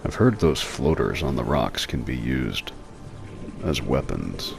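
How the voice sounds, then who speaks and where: A man's voice: rumbling low, big pitch swings, slow, creaky. A man giving casual, irreverent and mildly profane let's-play commentary as host of a gaming video. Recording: music behind the voice. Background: music.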